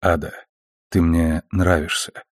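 A man with a low, husky voice reading the part of an earnest young male ship officer in an audiobook. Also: flat delivery, slow, no room sound, clean studio sound.

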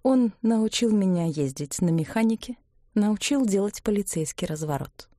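A woman narrator voicing a calm, quietly self-assured woman on the run, in an audiobook. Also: normal speed, no echo, clean studio sound, close to an everyday voice. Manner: calm, low-key. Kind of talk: audiobook character voice.

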